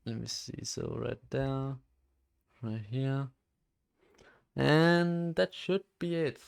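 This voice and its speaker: While coding on a live stream, an eighteen-year-old guy chats loosely, rambling, saying "like" a lot and swearing often. He speaks slowly in a mid-range voice that is smooth yet creaky.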